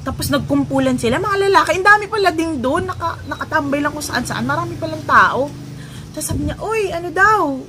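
A woman vlogger telling a personal story in a casual, animated way, often laughing and joking along the way. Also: high-pitched, quick pace. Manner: animated, laughs at her own story, jokes. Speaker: vlogger recounting a personal ordeal. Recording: noisy ambience behind voice.

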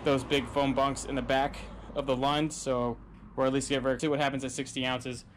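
A man's voice: medium pitch, flat delivery, normal speed, a little hiss or hum. A man, a father, hosting a boat-building channel, casually explaining each step of his work in a practical, easygoing way while recording on a wearable camera outdoors. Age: adult, father of a son. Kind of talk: casual how-to narration while working. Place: outdoor driveway workshop beside a boat.

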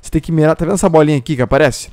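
A young man with a Brazilian accent giving excited gameplay commentary, often breaking into shouts while he chats to his viewers. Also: on the high side, rapid-fire. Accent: Brazilian Portuguese. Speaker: gameplay streamer. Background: faint classical music from the game.

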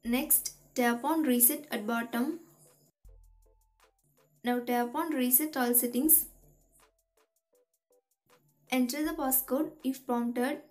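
A woman hosting a tutorial, reading step-by-step instructions in an even, methodical way. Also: sits high, slow, long pauses, soft background music. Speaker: tutorial host. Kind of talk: scripted step-by-step tech tutorial.

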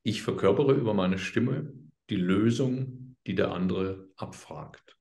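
A man speaking as an interview guest, explaining his work in a calm, earnest, unhurried way. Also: on the low side, creaky, roomy sound. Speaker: guest, healer. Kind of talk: conversational interview.

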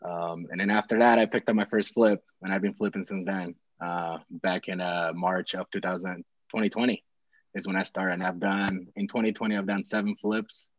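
A young Peruvian man, a real estate investor guest, chats casually over a video call from a small room at home, telling a rambling story full of fillers and restarts. His voice is deep, with fairly even intonation and a moderate pace. Recorded through earbuds, the audio sounds dull and dry.

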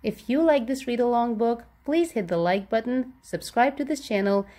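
This storybook narrator, a woman, reads aloud to children with expressive, careful enunciation. Her pitch is fairly high yet her tone is dark, and she keeps a moderate pace.

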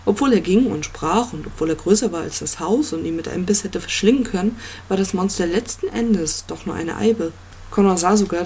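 A narrator reading an audiobook in a slow, measured way. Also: medium pitch, darkish tone, a little hiss or hum.

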